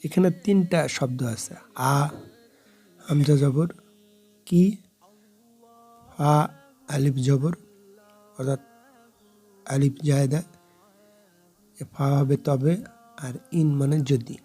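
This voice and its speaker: A man teaching a recorded recitation lesson, explaining rules deliberately and repeating words slowly as drills. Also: medium pitch, fairly even intonation, dark tone, slightly rough, soft background music.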